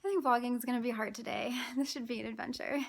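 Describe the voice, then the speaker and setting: Tired woman vlogger, slightly high voice, gravelly fry, halting, often short of breath. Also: fairly even intonation. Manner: weary, halting, many fillers and sighs. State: exhausted and out of breath. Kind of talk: casual chatty vlog.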